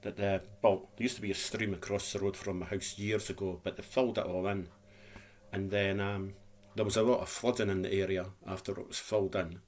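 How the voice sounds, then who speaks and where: A man's voice: low-pitched, little pitch movement, fairly quick, darkish tone, slight background noise. A man in his fifties with a Dundee Scottish accent and a speech impediment that turns r into w, chatting casually and plainly in a rambling, repetitive way as a vlogger. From Scotland. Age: 50s.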